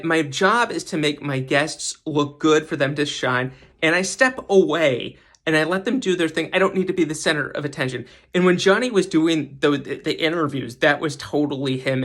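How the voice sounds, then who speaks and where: Delivering a guest segment, a man who hosts a podcast comments casually but with emphasis, frequently repeating words to stress them. He has a fairly high-pitched, slightly bright voice.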